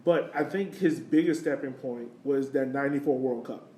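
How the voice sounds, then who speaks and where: A thirty-year-old man hosts a podcast about sport, talking in a casual, slangy, enthusiastic way. His voice is medium-pitched and dark-toned at a moderate pace. The sound is roomy, with a distant mic and faint noise.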